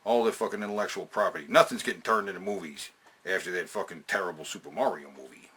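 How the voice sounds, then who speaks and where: Speaking quickly in a low, husky voice that's pushed and bright, a man hosts a casual countdown of video games and movies. He's opinionated and emphatic, swearing in slang and repeating himself to make points land.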